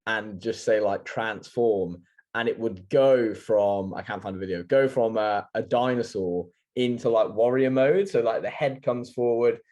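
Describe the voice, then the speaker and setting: A young Englishman co-hosting a podcast, telling stories in a lively way, swearing and laughing often, talking over a video call. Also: lowish voice, normal speed, hardly any pauses, lo-fi sound. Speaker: podcast co-host. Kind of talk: casual chat.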